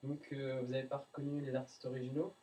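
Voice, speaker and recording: A man's voice: medium pitch, flat delivery, quick pace, warm tone, far from the mic, slight background noise, rough recording. A man presenting a blind test on a radio show, playful and chatty, joking about bad songs. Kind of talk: casual radio chat.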